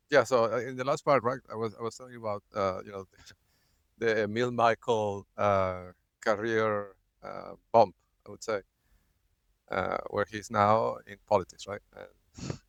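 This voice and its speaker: A man recording a rambling personal video log, halting often, filling gaps with "uh" and "right?", and breaking into short laughs. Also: lowish voice, gravelly, a bit bright, clean tone, no room sound. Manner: halting, many fillers and repeated "right?"; laughs between words. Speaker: vlogger.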